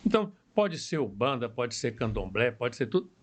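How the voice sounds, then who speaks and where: An older man with a Brazilian Portuguese accent speaks as a plastic surgeon guest on a podcast. He explains things calmly and in measured steps. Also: mid-range voice. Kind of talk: interview answers.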